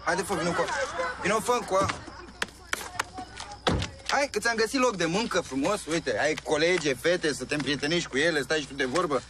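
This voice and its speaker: An actor playing a brutal young male pimp in a TV drama, with rough, bullying, threatening street talk. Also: on the high side, long pauses, heavy background noise, close to an everyday voice. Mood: bossy. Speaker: pimp selling a young woman. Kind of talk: TV drama acting.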